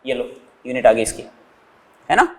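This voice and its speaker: At medium pitch, slightly bright and very animated, a male physics teacher speaks at normal speed in a large hall. During his whiteboard lesson he explains units one step at a time, addresses students as "beta," and answers the questions he poses to them.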